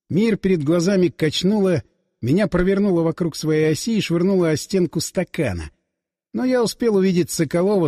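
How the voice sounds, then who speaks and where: A man narrating a first-person audiobook in a dramatic, expressive reading. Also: a little high. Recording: dry close voice with long reverb.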